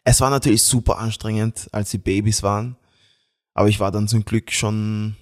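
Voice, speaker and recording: A young man, telling a family story as an interview guest, halting with fillers and often laughing. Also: on the low side, fairly even intonation.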